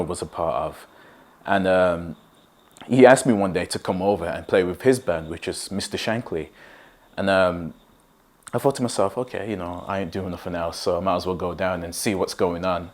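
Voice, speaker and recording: A man with a very deep, low voice who speaks in a thoughtful, unhurried way. He reflects calmly on playing music with his band. The recording is a plain interview. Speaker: saxophonist. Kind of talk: documentary interview.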